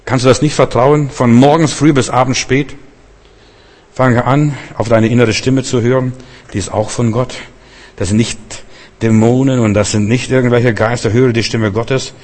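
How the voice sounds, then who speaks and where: A man's voice: medium pitch, fairly even intonation, normal speed, darkish tone, big-room sound. A man preaching a sermon, speaking directly to the listener with repeated urgent exhortations.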